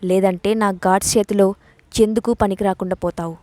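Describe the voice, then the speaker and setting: A woman's voice: medium pitch, steady tone, brisk, mellow, no echo, close to an everyday voice. Bold sneering young boss, as a woman narrator reads her. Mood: taunting. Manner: mocking, commanding.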